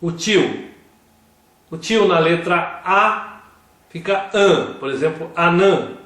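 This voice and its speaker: A man giving a slow scripted grammar lesson, reading word examples one at a time. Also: high-pitched, expressive, fairly bright tone. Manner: reads word lists one by one. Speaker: grammar teacher. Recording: very echoey room.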